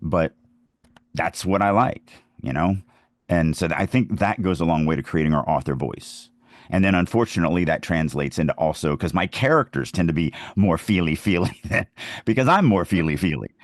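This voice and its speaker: Giving writing advice on his podcast, the host, a fantasy author who also teaches writing, is informal, opinionated and anecdotal. He speaks at normal speed in a low, expressive voice, with no room sound.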